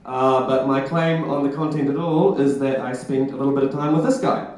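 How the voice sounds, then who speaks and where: A man's voice: medium pitch, fairly even intonation, brisk, darkish tone. A young man gives a comic, self-deprecating talk on stage at a live event, heard through an echoey hall. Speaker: presenter.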